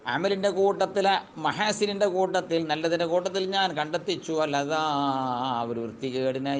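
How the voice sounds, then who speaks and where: A man teaching a classical religious text, reading Arabic slowly and then explaining in quick colloquial speech. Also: medium pitch, slight background noise.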